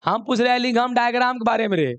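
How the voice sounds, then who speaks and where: A man's voice: very high voice, fast talker, a bit bright, clear, resonant tone, dry recording. A man teaching a chemistry class, coaxing and scolding students while mixing with English. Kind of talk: classroom lesson.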